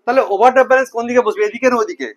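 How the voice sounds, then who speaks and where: Racing along in an extremely high-pitched voice, a man teaches a classroom lecture with student call-and-response. He fires questions at his students, repeats key terms, and mixes English with Hindi.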